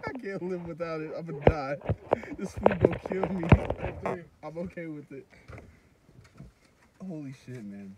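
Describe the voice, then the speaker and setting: A man's voice: a little high, normal speed, long pauses, heavy background noise. A young man in casual chat with friends over a meal, laughing often and joking in loose slang.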